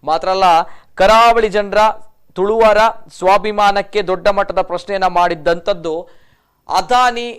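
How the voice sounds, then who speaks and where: A man's voice: high voice, fairly even intonation, measured pace, a bit bright, clear, resonant tone. A man reporting the news and interviewing a caller by phone, in a formal manner that repeats set phrases.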